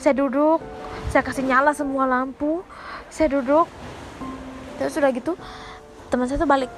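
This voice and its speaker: A woman telling a true personal story in a casual, hesitant way, often restarting and repeating herself, moving between hushed tension and loud outbursts. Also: sits high, fairly even intonation, moderate pace, faint music behind.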